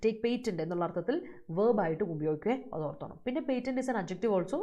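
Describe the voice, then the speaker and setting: During a live online exam-prep class, a woman teaches English vocabulary, explaining each word in Malayalam and slowly reading student answers aloud. Her mid-range voice has a dark tone and lively intonation, heard through lo-fi sound.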